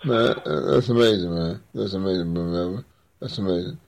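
A man's voice: sits low, a little fast, vocal fry, a little mellow. A man hosting a religious talk show, with a folksy, colloquial and preacherly way of talking. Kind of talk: preacherly show introduction and interview.

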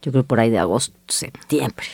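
As a guest in a conversational interview, a middle-aged agency founder tells her business story with liveliness, quoting herself and others. Her deep voice is warm and mellow, her pace moderate, and the recording is dry and close with no echo.

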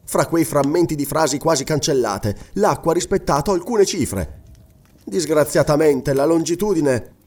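A man voicing a gentle noble lady who speaks in a calm, measured, reassuring way, in an audiobook. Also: fairly high pitch, pitched above the performer's own voice. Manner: measured, soothing. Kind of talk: audiobook reading.

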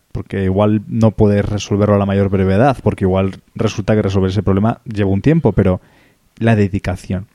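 A man talks on a casual podcast, circling back over his points and restarting his sentences. His voice is low and mellow, recorded dry and close. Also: no echo. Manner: rambling, earnest explanations with many restarts. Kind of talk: casual chat.

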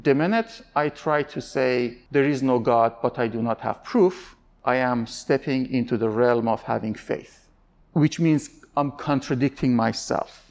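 A man's voice: mid-range voice, a little slow, darkish tone. A man from Iran, giving candid interview answers in an earnest, searching way, often restarting his sentences.

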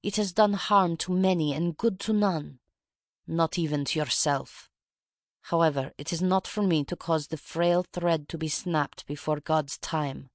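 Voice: medium pitch, a little slow, no echo, studio quality, close to an everyday voice. A reader voicing Anna, a proud Russian revolutionary woman. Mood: grave. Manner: grave, dignified, intense confession. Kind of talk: audiobook reading.

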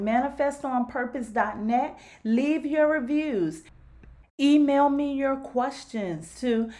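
A woman's voice: fairly high pitch, darkish tone. A woman podcast host giving a motivational self-help talk straight to her listeners.

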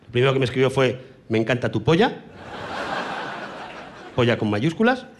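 A man from Spain doing a crude stand-up comedy monologue on stage, with brash punchlines and sudden shouted sound effects. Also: mid-range voice, very animated, normal speed, background noise.

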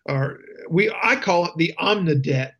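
Slow, indignant male talk radio host. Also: a little high, lively intonation, fairly bright tone. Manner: indignant, emphatic ranting with sarcasm. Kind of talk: political talk radio commentary.

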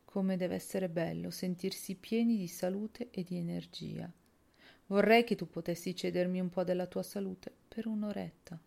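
A woman's voice: on the low side, steady tone, normal speed, creaky, a little mellow. A woman voicing a frail, wistful invalid.

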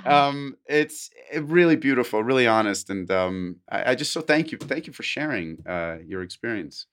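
Halting podcast host, a man. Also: medium pitch, lively intonation, fairly bright tone, clear, resonant tone. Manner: halting, playful. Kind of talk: casual podcast interview.

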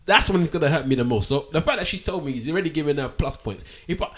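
Fast, animated London roadman. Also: fairly high pitch. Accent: London, urban street "roadman" style. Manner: emphatic, repeats himself for effect. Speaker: talk show panellist. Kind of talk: animated casual debate, heavy street slang.

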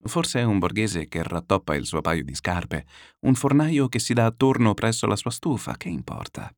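A man reading a literary text aloud, declamatory and lyrical, with slow solemn pauses. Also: on the low side, expressive, no echo, studio quality. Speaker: reader.

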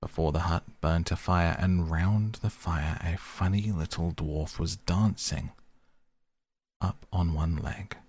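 A man voicing a travel-worn royal messenger in a fairy tale, softly recounting his journey. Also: low voice, steady tone, slow, dry recording. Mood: hushed.

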